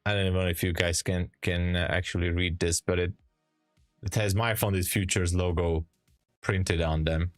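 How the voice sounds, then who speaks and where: A man's voice: low voice, flat delivery, normal speed, no echo, studio quality, soft background music. A young Hungarian man with a Hungarian accent, streaming live trades and chatting casually with viewers, laughing often and restarting his sentences as he reads the chat. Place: home trading room. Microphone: headset.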